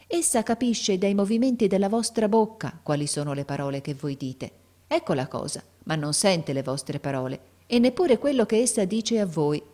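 A woman reading a story aloud, voicing a calm, patient schoolteacher who explains things carefully. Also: medium pitch, pitched above the performer's own voice, lightly acted. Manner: explaining, measured, reassuring.

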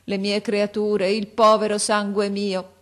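A woman's voice: medium pitch, monotone, measured pace, fairly bright tone, pitched above the performer's own voice, lightly acted. A woman voicing a dying Italian mother, far from home, who cries out in anguish. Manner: anguished crying out.

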